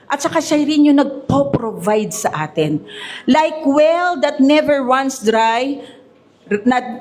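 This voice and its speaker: A woman's voice: on the high side, a little mellow. A woman pastor preaching a sermon at a church service, mixing Tagalog and English and calling out "Amen?" to the congregation. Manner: preaching with call-and-response Amen; switches between Tagalog and English.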